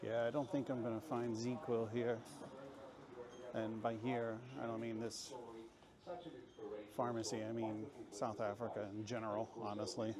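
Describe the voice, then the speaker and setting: With a level, mid-range voice, a travel vlogger talks unhurriedly and with long pauses while walking a busy city street, a loud crowd around him. He rambles casually and self-mockingly to his handheld camera, and the recording clearly picks up street and traffic noise.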